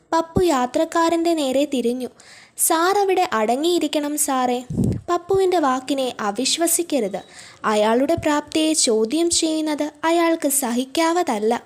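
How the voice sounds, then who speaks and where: High-voiced woman narrating a novel. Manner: steady storytelling. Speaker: audiobook narrator. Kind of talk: scripted narration.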